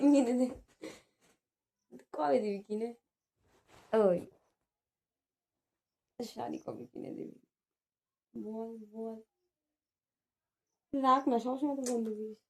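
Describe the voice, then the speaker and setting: A woman's voice: fairly high pitch, vocal fry, a little mellow. A woman in casual home chat, coaxing and teasing, repeating her requests. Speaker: wife.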